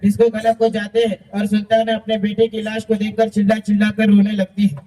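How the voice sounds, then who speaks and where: Monotone male drama narrator. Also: high voice, brisk, recorded from a distance. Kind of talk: scripted narration.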